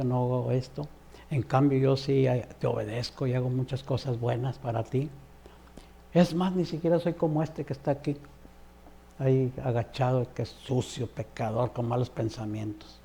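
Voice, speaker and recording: A man's voice: medium pitch, normal speed, gravelly, dark tone, breathy edge. A man acting out a proud, self-righteous Pharisee who boasts in prayer during a sermon. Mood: smug.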